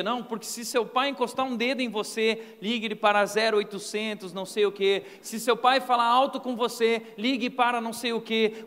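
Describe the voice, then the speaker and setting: Brazilian preacher guy, high pitched, animated storytelling, echoey church hall. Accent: Brazilian Portuguese. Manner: animated storytelling with acted-out quotes. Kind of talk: sermon. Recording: long hall reverb.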